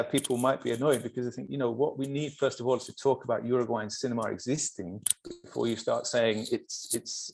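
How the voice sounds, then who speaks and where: A man's voice: medium pitch, creaky, a little hiss or hum. A middle-aged man from England, a film studies professor, speaking thoughtfully in an academic discussion. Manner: thoughtful, reflective, searching for words.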